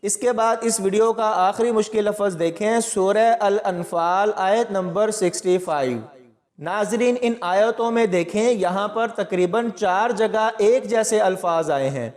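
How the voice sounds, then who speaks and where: A man with a notably high voice talks viewers patiently through a recitation lesson, one point at a time. His words hang in a long, ringing reverb, as if spoken in a large hard room. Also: darkish tone. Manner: patient, methodical explaining to viewers. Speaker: Quran recitation teacher. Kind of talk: step-by-step tajweed lesson.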